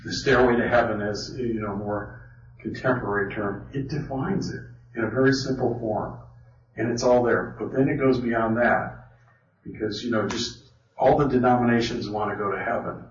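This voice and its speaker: A man leading a question session at a Bible study teaches conversationally, thinking out loud and restarting sentences, in a steady, ordinary middle-pitched voice at normal speed. A distant mic captures him in an echoey meeting hall with an audience. The sound is a little dull, with a slight hiss or hum.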